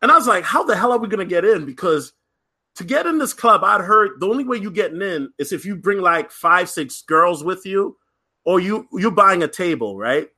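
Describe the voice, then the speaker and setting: Lively high-voiced man telling a story. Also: normal speed, husky. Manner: chatty, many fillers and restarts, frequent "right?"; lively, acts out other people's lines. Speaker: podcast host. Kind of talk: casual storytelling monologue.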